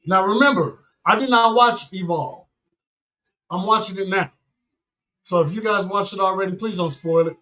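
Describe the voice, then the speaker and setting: A man hosting a watch-party stream, calling the action excitedly and giving blunt opinions in a casual chat. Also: high-pitched, normal speed, pauses often. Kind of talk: casual live-stream commentary.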